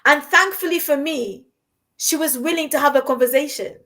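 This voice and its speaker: High-pitched and bright with a forceful tone, this woman's voice keeps a moderate pace. She's a podcast host from Uganda, based in London, whose conversational talk is earnest and encouraging, with frequent repetition of her words.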